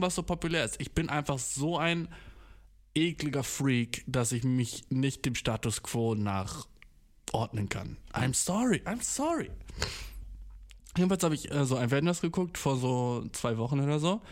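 A man's voice: medium pitch, moderate pace. Young man, comedic monologue, slangy and mock-arrogant, constant anglicisms, playful exaggeration. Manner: slangy youth talk full of English words; mock-cocky, jumps into exaggerated voices. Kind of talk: casual comedic rant.

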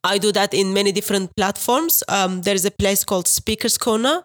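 A woman from Turkey with a Turkish accent, Turkish her first language, telling her story as a guest over a video call in an earnest, measured way. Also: mid-range voice. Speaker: guest, street preacher. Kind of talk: interview, personal account.

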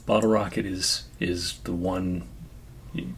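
Lower-voiced male podcast host, chatty. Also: flat delivery, measured pace, slight background noise. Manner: laughing, rambling storyteller. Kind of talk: casual podcast chat.

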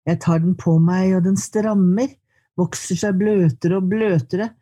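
Woman, poet, poetry reading, slow measured delivery, low pitch, dark mellow tone. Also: steady tone, breathy edge. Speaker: poet and guest. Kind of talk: poetry reading, then interview answers.

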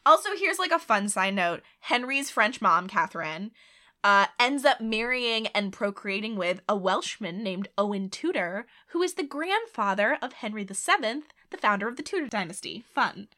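A woman co-hosting a podcast, casually telling history with frequent laughs and quick voiced asides. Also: mid-range voice, lively intonation, bright, forceful tone. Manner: chatty, laughs often, voices quoted figures in asides. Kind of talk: casual chat.

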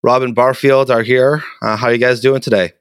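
A man's voice: medium pitch, steady tone, brisk, smooth, dry recording, clean studio sound. A man with a Boston accent hosting a podcast interview in a chatty, self-deprecating way over a video call. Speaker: podcast host. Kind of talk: casual interview.

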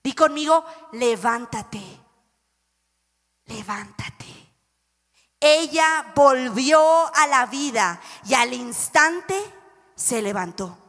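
Woman preacher, high voice, animated and joking, reverberant hall. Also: very slow, pauses often. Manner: animated, playful, acts out Bible scenes and jokes with the audience. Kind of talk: sermon.

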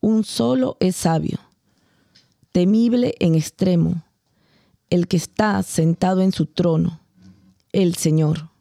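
Gravelly low woman reading scripture. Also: dark tone, no echo, studio quality. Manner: measured, phrase-by-phrase reading. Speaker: scripture reader and co-host. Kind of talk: solemn scripture reading, then chat.

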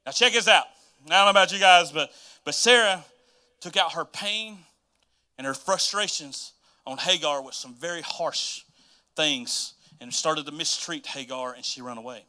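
A man with a Southern US accent preaches an informal, folksy church sermon and reads scripture, addressing his listeners directly. He shifts between emphatic and hushed delivery, with a fairly high voice at a moderate pace.

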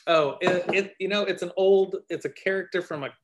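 A man's voice: high voice, fairly quick. A man from Brooklyn, New York, chatting casually as a guest, often restarting his words. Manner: hesitant, repeats words. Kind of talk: casual group chat.

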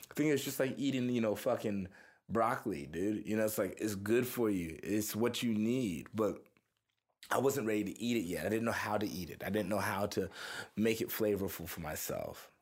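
Being interviewed as a musician, this young Houston-area man tells rambling stories in a relaxed, profane way. His voice is lowish with a breathy edge, at a moderate pace.

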